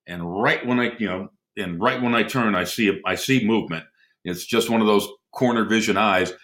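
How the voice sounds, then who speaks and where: A middle-aged man, a former airman, telling lively anecdotes in a casual conversation and chuckling often. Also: on the low side, normal speed. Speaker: podcast guest, former military airman.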